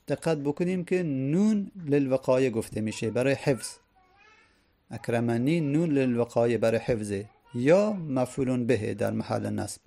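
Male teacher with a gravelly, mellow voice, who chants drills and then explains. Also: medium pitch. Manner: recites Arabic conjugations in chanting drills, then explains casually. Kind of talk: Arabic grammar lesson.

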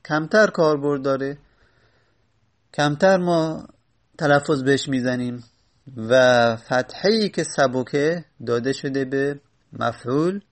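Man explaining grammar step by step. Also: mid-range voice. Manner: explains step by step, stops to correct himself. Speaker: teacher of Arabic grammar. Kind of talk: spoken classroom lesson.

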